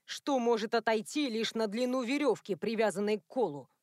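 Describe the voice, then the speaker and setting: A woman's voice: fairly high pitch, normal speed, darkish tone, no echo, clean studio sound, close to an everyday voice. A woman reading as a grumbling bearded gardener. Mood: bitter. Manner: grumbling, bitter. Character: grumbling bearded bound gardener, middle-aged man.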